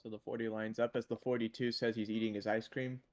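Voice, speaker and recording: A young man giving excited play-by-play commentary on a sim race, swearing at wrecks. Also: lowish voice, fast talker.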